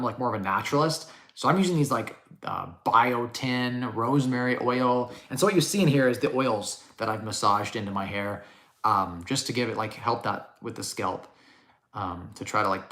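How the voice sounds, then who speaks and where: Fast-talking man in his thirties, bright and echoey. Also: lowish voice. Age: 30s. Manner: casual and direct, explaining investing in plain numbers. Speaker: podcast host. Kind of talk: live podcast Q&A.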